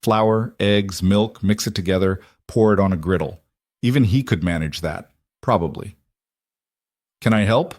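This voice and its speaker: A man narrating a scripted story in an even, measured reading voice. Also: low voice, dry recording.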